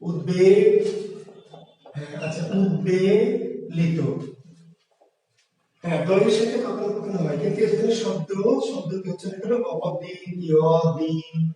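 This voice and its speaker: A man with a high voice and a Bangladeshi Bengali accent teaches an online grammar class. He works through each point step by step and keeps asking his students questions. He sounds set back from the mic in a room with a long, ringing echo. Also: moderate pace, warm tone, distant mic. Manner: explains step by step, often asks the class questions.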